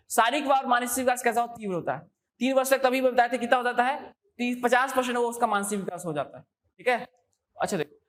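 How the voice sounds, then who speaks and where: In a classroom exam-coaching session, a woman with a voice on the high side repeats key terms and quizzes her students with questions.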